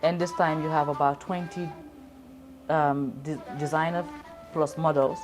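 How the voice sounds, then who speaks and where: A woman hosting a talk show, interviewing a guest in a steady, affirming way. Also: low-pitched, a little slow, faint music behind. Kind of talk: interview conversation.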